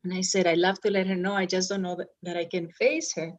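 A woman's voice: fairly low pitch, flat delivery, fast talker. A middle-aged woman from Arizona, a school superintendent earnestly and reflectively telling her life story in an interview. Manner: earnest and reflective, with brief laughs and restarts.

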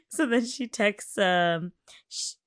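Woman co-host, casual recap chat, giggly, teasing, excitable; dry close-mic sound. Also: mid-range voice, dry recording. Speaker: podcast co-host.

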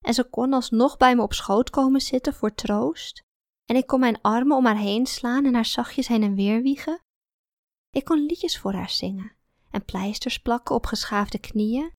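A woman's voice: fairly high pitch, moderate pace, darkish tone, dry recording, clean studio sound. A woman reading a first-person story aloud in a confiding, introspective manner. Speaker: audiobook narrator. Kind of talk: first-person scripted narration.

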